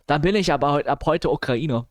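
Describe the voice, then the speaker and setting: On a dry recording, a man with a fairly high voice talks a little fast during a casual livestream. He reacts to news and viewers, grumbling on the side and dropping English gamer slang.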